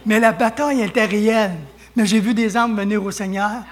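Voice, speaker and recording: A man with a Québécois French accent preaching a lively sermon, often calling out hallelujah and chuckling. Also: high voice, a little fast. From Quebec.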